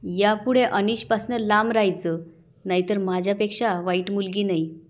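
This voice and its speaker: A woman's voice: mid-range voice, fairly even intonation, moderate pace, lightly acted. A woman voicing a haughty young woman who talks rudely and issues threats. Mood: cold. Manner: cold, rude and threatening.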